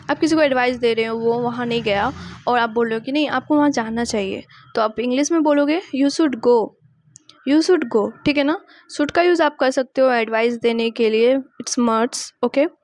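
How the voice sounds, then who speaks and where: High-voiced woman teaching English phrases. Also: no room sound, studio quality. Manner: says English phrases slowly and asks to repeat. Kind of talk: Hindi-medium English lesson.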